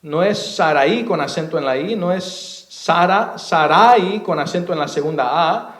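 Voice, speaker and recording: A man preaching a sermon as pastor, explaining scripture slowly and spelling out names and words. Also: fairly high pitch, a bit bright. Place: church. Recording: echoey church room.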